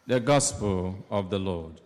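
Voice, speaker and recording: Slow preacher with a cathedral echo. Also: male voice, low-pitched, expressive. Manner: slow, measured, solemn delivery. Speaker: preacher at Mass. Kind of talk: gospel reading and homily. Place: large church. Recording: long echoing church reverb.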